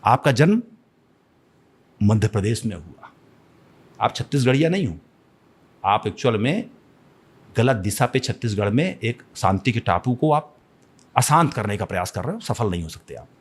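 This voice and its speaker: A man's voice: on the low side, big pitch swings, moderate pace, long pauses, slightly rough. A man from Chhattisgarh giving a podcast interview, speaking in an impassioned, declamatory way, repeating phrases and restarting often. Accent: Chhattisgarh Hindi. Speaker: interview guest.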